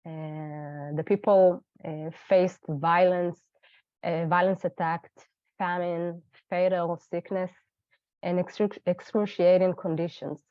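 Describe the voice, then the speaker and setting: A woman in her thirties from Ethiopia, feeling unwell, telling her own story as a webinar guest in an earnest way, with many pauses and fillers. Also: on the low side, steady tone, dry recording, phone-quality sound. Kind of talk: personal testimony.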